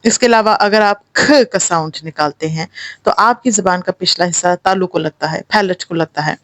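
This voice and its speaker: A woman's voice: on the low side, fairly bright tone, dry recording, low-quality recording. A woman teaching an English pronunciation lesson, explaining patiently step by step and modeling each vowel and consonant sound herself. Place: home in Thailand.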